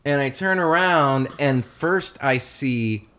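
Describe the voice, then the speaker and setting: A young man co-hosting a casual chat, telling a story with lively acted-out quotes. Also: takes it slowly. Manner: animated storyteller, acts out quotes in a high voice. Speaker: podcast co-host.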